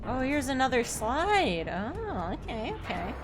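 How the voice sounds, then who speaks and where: A woman's voice: high-pitched, sing-song, measured pace. A woman live streaming a video game with casual, playful chat in a cute, bubbly anime-streamer manner, often slipping into sing-song repeats. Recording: music playing behind the voice. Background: game music.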